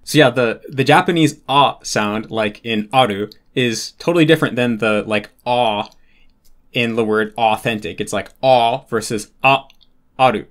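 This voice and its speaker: A man in relaxed conversation, speaking at a middle pitch with an even, ordinary voice. He explains his points patiently and thinks out loud, with plenty of casual fillers along the way. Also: normal speed, hardly any pauses. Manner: thoughtful, explanatory, many "like" fillers. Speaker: interview guest, Japanese learner.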